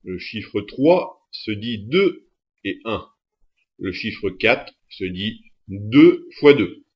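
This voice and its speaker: Man calmly narrating a training lesson. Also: lowish voice, muffled recording. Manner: steady, methodical delivery. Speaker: instructor. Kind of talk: scripted instructional narration.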